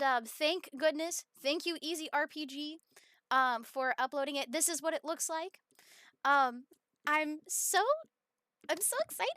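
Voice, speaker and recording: A woman live-streaming a game, chatting casually and rambling with many fillers, sometimes bursting into excited squealing greetings to her chat. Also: sits high, no echo, clean studio sound.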